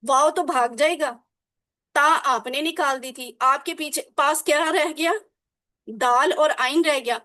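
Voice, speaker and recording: High-voiced woman teacher drilling phrases. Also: sharp tone, no echo, clean studio sound. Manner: explains patiently, drills phrases by repetition. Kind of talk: online class lesson.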